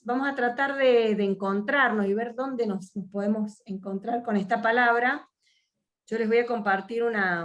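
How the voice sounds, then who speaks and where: An Argentine woman from Mendoza leading an online workshop over a video call, speaking reflectively with frequent fillers and restarts. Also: medium pitch. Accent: Argentine Spanish. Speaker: workshop facilitator.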